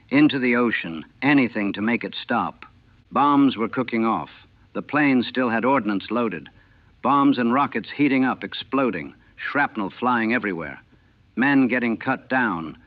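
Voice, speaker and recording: A man's voice: mid-range voice, dry recording. A former navy cook recounting his war memories in terse, clipped fragments, heard on an old 1940s recording. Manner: terse, clipped sentence fragments, measured and grave. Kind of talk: personal war memoir told in first person. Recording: tinny, narrow-band, dry old 1940s recording.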